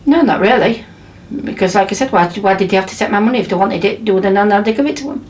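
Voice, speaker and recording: A woman's voice: mid-range voice, quick pace, a little mellow. Blunt English woman in her fifties. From England. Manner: blunt, emphatic storytelling. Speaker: mother interviewed for a documentary. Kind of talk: documentary interview. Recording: distant mic with faint background ambience.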